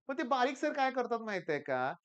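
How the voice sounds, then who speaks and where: A man's voice: very high-pitched, sing-song, a little fast, clear, resonant tone, lo-fi sound. Emphatic Marathi-speaking male tutor. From Maharashtra, India. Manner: emphatic, often repeats "lakshat ghya"; swings from loud stresses to quiet asides. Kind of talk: motivational coaching talk to exam students.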